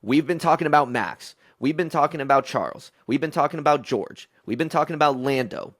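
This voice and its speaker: A man's voice: on the high side, expressive, a little fast, a bit bright, dry recording, clean studio sound. A man co-hosting a podcast in casual chat, playful and speculative, stretching words for emphasis. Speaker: podcast co-host.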